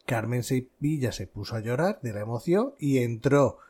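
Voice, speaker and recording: A man from chats on a podcast in an average-pitched voice. He tells his anecdotes with animation and an easy, conversational flow. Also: lively intonation, normal speed, dark tone, breathy edge. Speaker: podcast co-host. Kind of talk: casual chat.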